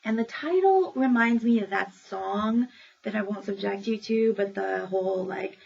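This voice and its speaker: A woman's voice: mid-range voice, a little slow, vocal fry, darkish tone. A woman public librarian casually reviewing children's books, chatty and informal with many fillers and frequent laughs. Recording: dull lo-fi recording with faint noise.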